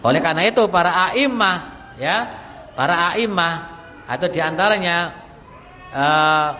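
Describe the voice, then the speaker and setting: A man's voice: a little high, animated, measured pace, pushed and bright, in a large hall. A man teaching a mosque study lecture, reciting Arabic text and then explaining it plainly with repeated phrases. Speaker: Islamic teacher.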